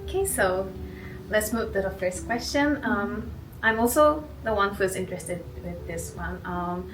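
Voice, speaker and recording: A young woman, hosting a casual interview in a friendly, slightly halting way. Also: medium pitch, lively intonation, fairly bright tone, a little hiss or hum. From Japan. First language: Japanese. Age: early 20s. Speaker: host, student interviewer. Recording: roomy distant mic with music bed.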